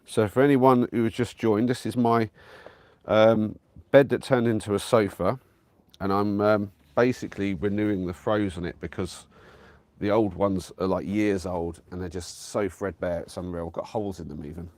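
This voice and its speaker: In a dry recording, a man with a lowish, steady voice speaks at a moderate pace. He's on a live stream from his camper van, nose a bit blocked from a cold, rambling to viewers in a friendly, chatty manner full of fillers and restarts.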